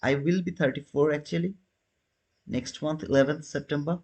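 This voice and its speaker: His voice sits on the high side with a darkish tone and a moderate pace. This man in his thirties casually chats with his trading livestream's viewers, answering comments in non-native wording with frequent restarts.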